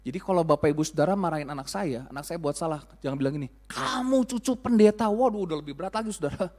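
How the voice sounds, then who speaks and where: A man's voice: fairly high pitch, rapid-fire, a little mellow. A pastor in his thirties preaches in an easygoing, chatty way. He jokes with the congregation and acts out the scoldings he quotes. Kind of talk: sermon.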